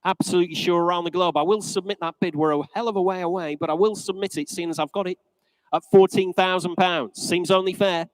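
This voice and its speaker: A man's voice: sits high, steady tone, fast talker, no echo, poor audio. A man working as an auctioneer, calling bids live in a polished, courteous, repetitive patter.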